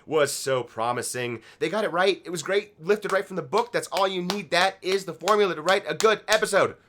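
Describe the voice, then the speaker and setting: Co-hosting a TV episode reaction show, a man offers casual, opinionated commentary that is emphatic and exasperated. His voice sits high and sharp, moving fairly quickly, with a slight hiss or hum on the audio.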